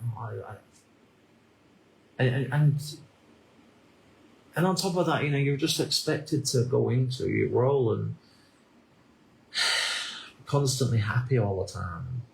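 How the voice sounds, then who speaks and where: A man in his thirties from the United Kingdom, talking through a reflective personal monologue in a halting way, often repeating words and restarting sentences. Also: medium pitch, creaky, echoey room, slight background noise, rough recording. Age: 30s. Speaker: vlogger.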